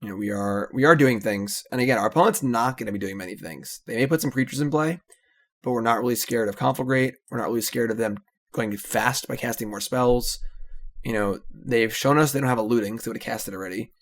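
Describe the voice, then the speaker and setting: While playing a card game, a man talks it through in a fairly quick, mid-range voice. His commentary is casual and analytical, and "so" keeps ending his trailing thoughts.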